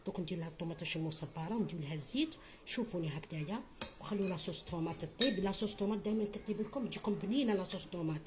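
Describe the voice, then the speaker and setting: Fast-talking motherly Algerian woman cooking. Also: fairly low pitch, very noisy. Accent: Algerian Arabic. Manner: chatty, motherly, addresses viewers as her children, frequent blessings. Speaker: home cook. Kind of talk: cooking tutorial.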